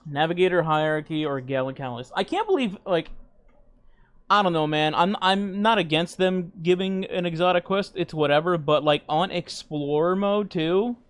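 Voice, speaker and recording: A man's voice: a little high, moderate pace. A man streaming a game, chatting casually in a self-deprecating way. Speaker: livestreamer.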